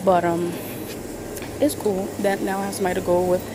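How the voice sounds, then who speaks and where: A woman's voice: lowish voice, little pitch movement, brisk, background noise. A young woman vlogging in casual chat, blunt and slangy with some swearing, filming on a handheld phone at arm's length outdoors and in a store. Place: city street outdoors, then inside a discount store. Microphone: handheld phone camera at arm's length.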